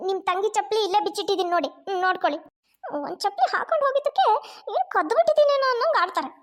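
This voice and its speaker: A woman's voice: extremely high pitch, expressive, rapid-fire. A woman voicing a carefree young daughter-in-law in a cartoon, breezy and defensive. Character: carefree young daughter-in-law who takes others' slippers.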